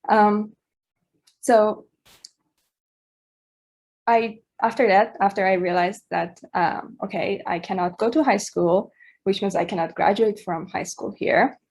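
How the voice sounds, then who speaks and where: A woman's voice: medium pitch, slow, long pauses, a little mellow, slightly rough. A woman, giving a talk to students in a hesitant way, with many fillers and small laughs. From Iran. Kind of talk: presentation to students.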